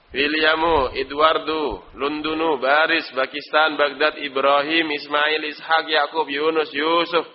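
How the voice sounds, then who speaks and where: A man's voice: on the high side, a little hiss or hum. A man with an Indonesian accent teaching an Arabic language class, quizzing students by name and chuckling now and then. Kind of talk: live online Arabic class. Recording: dull lo-fi recording.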